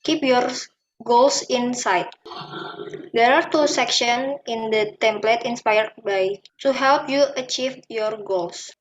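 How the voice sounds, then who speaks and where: A young woman reads study-planning tips as part of a class presentation, stumbling over a word here and there. Her voice is a little high, and a faint background noise runs underneath. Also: poor audio. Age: young adult. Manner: steady reading with small slips. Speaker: student presenter.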